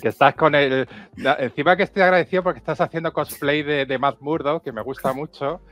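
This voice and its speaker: A man's voice: a little high, a little fast, a bit bright. A man co-hosting a casual gaming podcast over a lo-fi headset mic on a remote call, rambling as he searches aloud for names. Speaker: podcast co-host. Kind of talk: casual chat about video games.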